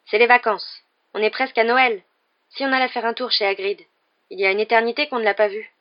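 A woman's voice: on the high side, fairly even intonation, fairly quick, muffled recording, pitched above the performer's own voice, lightly acted. Woman doing a tense, hot-headed teenage boy. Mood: hurried. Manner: tense, loud. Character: tense, nervous teenage boy, quick to anger.

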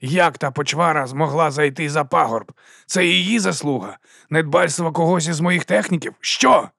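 A man's voice: a little high, quick pace, dry recording, studio quality, voice pushed up. A man voicing a furious, bossy middle-aged department head who barks and sneers. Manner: barking, sneering, shouting.

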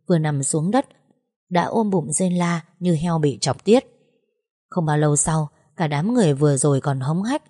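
A woman narrating a dramatic first-person story in a steady storytelling voice. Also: deep voice.

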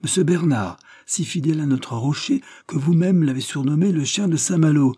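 A man voicing a defiant young male hero in an audiobook, loud and scornful as he rallies townsfolk. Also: a little high, normal speed, breathy edge, no room sound, studio quality, pitched above the performer's own voice.

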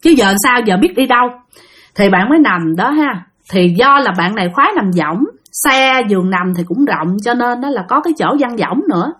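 A woman's voice: medium pitch, animated, normal speed, hardly any pauses, fairly bright tone. A woman with a Southern Vietnamese accent, narrating a ghost story in a chatty way and talking straight to her listeners. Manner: chatty, addresses listeners directly, acts out quotes.

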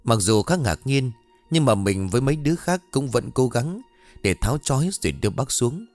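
Guy reading a ghost story out loud, really lively voice, soft music behind. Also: mid-range voice, brisk, dry recording.

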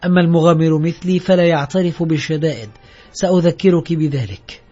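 A man's voice: fairly high pitch, fairly quick, a little mellow, slightly rough, faint music behind. Man reading as a brooding defiant fugitive. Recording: dull lo-fi audio.

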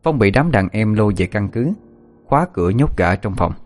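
A man with a low voice tells a dramatic story in steady, scripted narration. He, and faint music plays behind him. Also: moderate pace.

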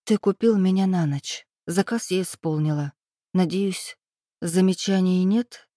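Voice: medium pitch, unhurried, dry recording, studio quality, natural voice. An audiobook reader voicing a proud, wounded young woman who speaks curtly and bitterly, her voice raised above the reader's own. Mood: cold. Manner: curt, bitter, rising to shouts.

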